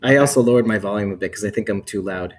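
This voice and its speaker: A man's voice: on the low side, quick pace, a little mellow, breathy edge. A man chatting casually on a podcast through a laptop webcam mic, his voice hollow and echoey. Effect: hollow, echoey sound through a laptop webcam mic. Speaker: podcast co-host joining remotely. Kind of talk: casual chat. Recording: echoey laptop mic with crowd noise behind.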